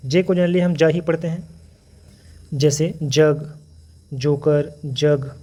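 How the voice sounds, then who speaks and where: A man's voice: a little high, fairly even intonation, takes it slowly, warm tone. A man teaching English letter sounds, explaining patiently and repeating each example word. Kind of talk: phonics lesson.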